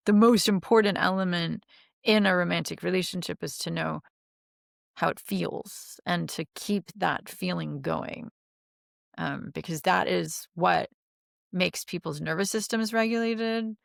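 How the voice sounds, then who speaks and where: Gravelly low-pitched woman, chatty coach. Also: measured pace, no room sound, clean studio sound. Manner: chatty, many "like" fillers, laughs easily. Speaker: relationship coach. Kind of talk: podcast interview answers.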